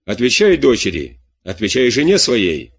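A man voicing a distressed middle-aged farmer's wife with shrill, husky cries. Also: very animated, normal speed, dry recording, clean studio sound, exaggerated voice.

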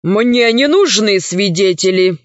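A woman's voice: mid-range voice, lively intonation, takes it slowly, no echo, voice pushed down. A woman voicing a pompous, scarred villainous male admiral who talks with gloating, mock-courteous grandeur. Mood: fawning. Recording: dry, dull lo-fi recording.

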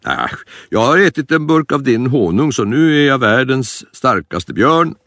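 A man's voice: mid-range voice, big pitch swings, fairly bright tone, dry recording. A man voicing a brave, cheerful male bear in a storybook reading, talking in a confident, easygoing way.

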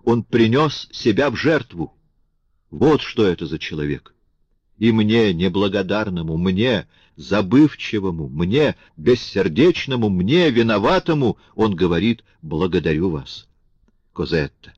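A man's voice: low voice, very animated, unhurried, darkish tone, breathy edge, dry recording, heavily acted. A man reading an audiobook, voicing a passionate, grateful young man in a raised, exclaiming voice. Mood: fervent. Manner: impassioned, exclaiming, pleading. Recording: dull lo-fi audiobook recording.

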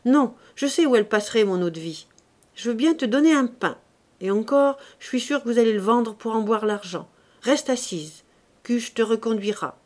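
A woman's voice: a little high, animated, moderate pace, a little mellow, natural voice. A woman reading the lines of a charitable young woman who scolds the poor firmly but kindly. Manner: firm, scolding but kind.

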